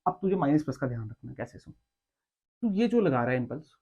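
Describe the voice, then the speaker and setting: A man tutoring physics at a board, coaxing and teasing his student and checking again and again that it is clear. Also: medium pitch, very animated, quick pace, dark tone. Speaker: physics teacher. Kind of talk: blackboard tutoring session. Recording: dull lo-fi recording.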